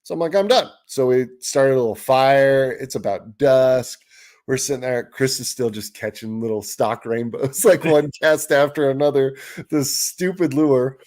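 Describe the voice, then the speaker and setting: A man's voice: medium pitch, a little slow. A man co-hosting a fishing show, telling a story casually and acting out what people said. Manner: animated storyteller, acts out quotes, laughs while telling. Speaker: podcast co-host.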